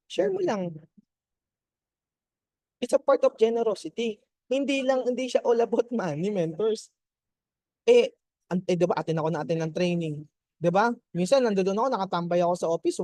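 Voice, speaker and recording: A man gives a motivational testimony to his team, mixing languages as he talks. His voice is mellow and warm, and the sound is close and dry. He chats freely and keeps checking in with his listeners. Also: sits high, moderate pace, no echo. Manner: chatty, keeps checking in with "di ba?" and laughs.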